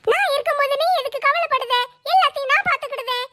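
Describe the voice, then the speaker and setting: A woman's voice: very high-pitched, fast, sharp tone. A woman voicing a bold, bossy older sister who scolds and reassures in a brash way.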